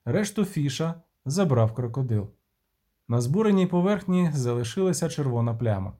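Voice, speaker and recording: A man narrating an audiobook with a steady, measured reading. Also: mid-range voice.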